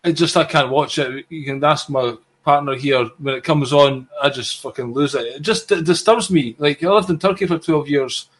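Higher-voiced man chatting informally. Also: moderate pace, few pauses. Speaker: interviewer. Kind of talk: casual chat.

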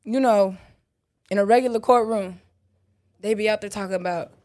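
A woman's voice: mid-range voice, normal speed, darkish tone. A woman co-host bantering casually in a brash, slangy, profane way. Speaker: podcast co-host.

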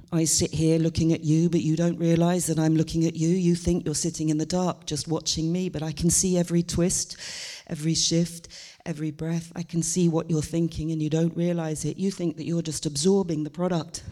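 A woman's voice: low-pitched, level tone, moderate pace, warm tone. A woman who was trained as an actor, giving a stand-up monologue to a live audience and moving between chatty asides and theatrical declamation. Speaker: stage performer. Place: stage before a live audience.

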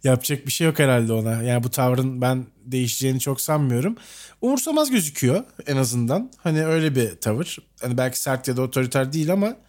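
A man's voice: mid-range voice, animated, fast talker, darkish tone. Easygoing man co-hosting a chat. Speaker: podcast co-host. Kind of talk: casual conversational commentary.

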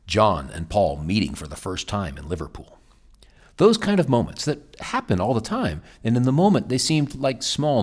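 A man hosting a history podcast, narrating a scripted episode as a lively storyteller with dramatic emphasis. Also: fairly low pitch.

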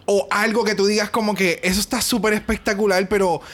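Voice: mid-range voice, fairly even intonation, brisk, fairly bright tone. A co-host in a casual chat, playful and switching freely between Spanish and English. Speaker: podcast co-host.

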